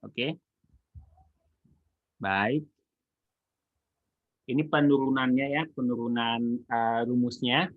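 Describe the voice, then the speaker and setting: Slow and pausing often, this mid-range male voice delivers a casual online lecture on statistics in a Jakarta Indonesian accent with a slightly unclear R. He keeps checking understanding with frequent tags, and the sound is muffled, echoey and phone-like.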